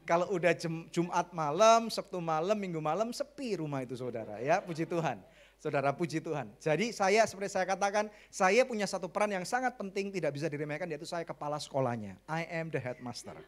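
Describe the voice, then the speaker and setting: A middle-aged man with an Indonesian accent, a pastor preaching a lively, conversational sermon full of jokes and English phrases. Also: a little high, brisk.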